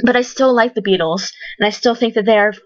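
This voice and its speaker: A woman's voice: a little high, fast, no echo, dull audio. A woman giving a casual, opinionated spoken review, blunt and chatty, with lots of fillers and restarts. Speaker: vlogger reviewing a TV talent show.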